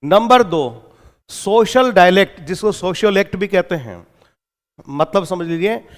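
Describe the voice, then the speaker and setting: A man's voice: high-pitched, expressive, measured pace, long reverb tail. An Indian man with an Indian accent giving an exam-prep lecture, explaining and then answering his own questions. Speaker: exam-prep English teacher. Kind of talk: lecture in Hindi mixed with English terms.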